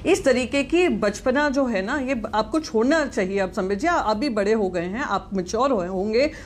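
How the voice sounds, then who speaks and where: Sarcastic woman debate guest, high voice. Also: lively intonation, normal speed, a little hiss or hum. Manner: sharp, sarcastic, rebuking. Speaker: party spokesperson debate guest. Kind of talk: heated TV debate.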